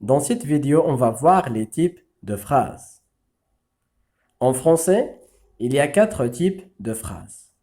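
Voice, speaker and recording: Man, French teacher, native Arabic speaker, slow deliberate explaining, mellow voice. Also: medium pitch, big pitch swings. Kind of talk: grammar lesson.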